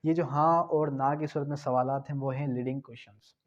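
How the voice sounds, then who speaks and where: In a steady mid-range voice, a little on the fast side, a male law tutor coaches students for an exam. He leans on rhetorical questions and repeats the important points throughout. The recording sounds dull and lo-fi.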